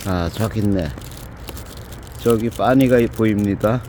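A man's voice: fairly low pitch, slow, darkish tone, a little hiss or hum. A man giving casual running commentary outdoors before dawn, chatting, scolding and cooing at animals in turn. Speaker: video host.

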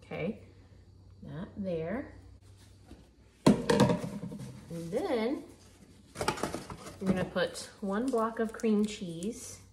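A woman speaks extremely slowly in a mid-range voice, pausing often as she hosts a home cooking video. She chats casually and stays relaxed, giving cook-along instructions while her hands work at the counter, which an overhead camera frames. Clinking dishes and pans make up the background noise.

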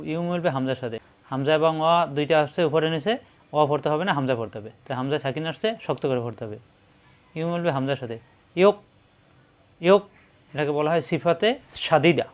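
Patient man drilling recitation sounds. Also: a little high. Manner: slow, repeats syllables for drilling. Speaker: Quran recitation teacher. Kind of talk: spoken tajweed lesson.

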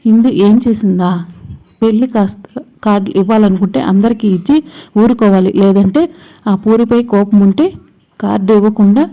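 Brief: angry middle-aged father, voiced by a woman, scolding, monotone. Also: medium pitch, normal speed, pauses often, natural voice.

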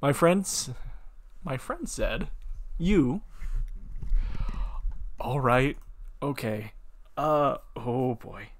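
Amused male YouTuber, unhurried read with laughs, desk mic. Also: medium pitch. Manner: amused, breaks into laughter while reading. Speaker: YouTuber reading computer-written stories aloud. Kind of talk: casual reading with commentary.

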